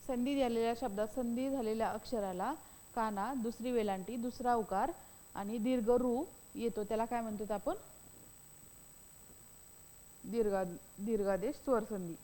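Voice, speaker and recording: Woman teacher, fairly high and mellow voice, repeats points and answers her own questions, long reverb. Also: steady tone, moderate pace, long pauses. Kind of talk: grammar lesson.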